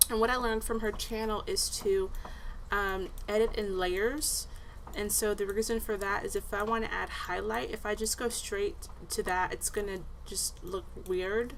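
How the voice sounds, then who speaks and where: A woman vlogger talking casually and informally as she explains what she is doing. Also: medium pitch. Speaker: vlogger and candle maker. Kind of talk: casual vlog chat and tutorial. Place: indoors at home. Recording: faintly noisy home recording.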